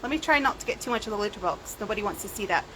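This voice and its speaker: Her mid-range voice is sharp, very fast and lively as this Scottish-sounding woman vlogs from home, wandering from point to point with self-deprecating remarks. It's handheld home video shot on a camera or phone, with poor audio and clear background noise.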